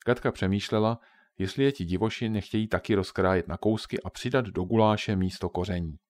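A man narrating a children's adventure audiobook in a calm, even storytelling manner. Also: fairly low pitch.

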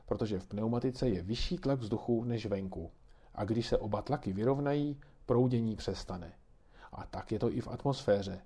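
A man's voice: mid-range voice, mellow, slightly rough. A man reading aloud and voicing a kindly grandmother who patiently explains things to children.

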